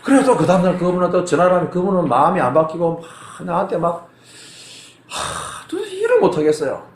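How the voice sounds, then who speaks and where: A male pastor preaches in a church sanctuary, his fairly high voice swinging up and down as he tells a story from his own life. He acts out the people in it with lively energy. The sound rings around an echoey hall. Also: quick pace. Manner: animated storytelling, acts out phone arguments. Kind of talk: sermon with personal story.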